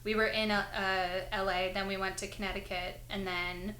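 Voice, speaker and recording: A young woman born in London and raised in Los Angeles chats as a musician guest in a casual interview, rambling with lots of "like" and frequent giggles. Her mid-range voice is bright and forceful with little pitch movement at normal speed. The echoey room carries faint ambience plus a little hiss or hum.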